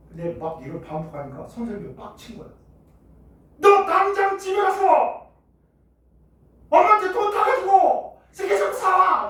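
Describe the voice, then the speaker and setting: Man, high-pitched, very lively, chemistry teacher, storytelling lecture, far from the mic, echoey classroom. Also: slight background noise. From Jeju Island, Korea. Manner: animated, acts out shouting voices in his stories.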